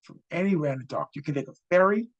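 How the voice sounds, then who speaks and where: A man's voice: on the high side, lively intonation, very fast, dull audio. An older Bahamian man hosting a casual travel talk to camera, enthusiastic and repeating himself as he goes. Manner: chatty and enthusiastic, repeats words. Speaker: host. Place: indoors with a virtual city backdrop. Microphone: webcam framing, head and shoulders.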